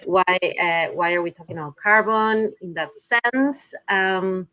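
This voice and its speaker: A Peruvian woman, interviewed remotely on a podcast as a climate researcher, speaks at a measured pace with a lowish voice. The video call audio has its highs cut off, and she often begins again as she gropes thoughtfully for words.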